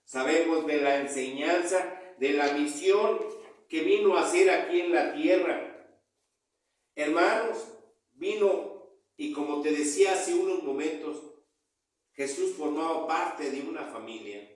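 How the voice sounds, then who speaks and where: A man preaching a sermon, calling out to his listeners as brothers, his voice swelling loud then dropping low. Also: measured pace, recorded from a distance. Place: church hall. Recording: echoey room, voice from off-mic.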